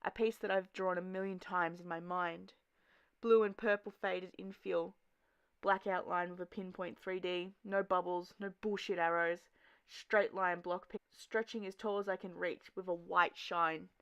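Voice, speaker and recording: A woman voicing a troubled teenage girl graffiti artist, narrating in first person in a low-key, matter-of-fact way. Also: little pitch movement, measured pace, clean tone, no echo, highs cut off.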